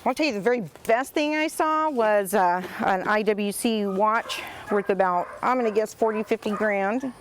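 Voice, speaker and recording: A woman business owner talks frankly and cheerfully in a mid-pitched voice. She is recorded outdoors on a camera mic, with clear background noise around her. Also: normal speed, hardly any pauses. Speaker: pooper scooper business owner. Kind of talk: casual on-location interview. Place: outdoors in backyards.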